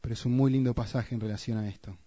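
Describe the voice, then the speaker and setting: A man with a Rioplatense Spanish accent preaching a sermon, dropping to hushed emphasis and then rising into urgent, repeated phrases. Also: medium pitch, steady tone, quick pace, no echo, highs cut off. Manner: swings between hushed emphasis and raised, urgent repetition.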